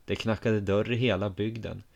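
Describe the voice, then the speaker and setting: A man's voice: lowish voice, steady tone, creaky, a little mellow. A man reading a stern, weary farmer brother. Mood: grave. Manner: grave and curt, turning sad.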